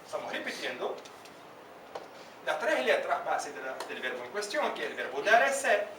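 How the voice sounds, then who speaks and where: Bright-voiced male teacher, echoey classroom. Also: fairly high pitch, big pitch swings, recorded from a distance, slight background noise. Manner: asks students questions by name, drills pronunciation slowly. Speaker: Arabic teacher. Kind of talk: classroom lesson.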